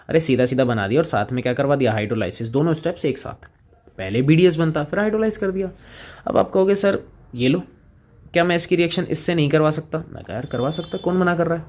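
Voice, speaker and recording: A man's voice: mid-range voice, a little mellow. A man teaching chemistry in a casual lecture, chatting with students and playing both sides of the conversation.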